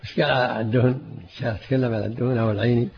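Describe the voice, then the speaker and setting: A man's voice: medium pitch, fairly even intonation, rapid-fire, vocal fry. An older man, commenting as a sheikh at a hadith reading session, answering briefly and repeating words as he searches for them. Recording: dull lo-fi old tape with faint hiss.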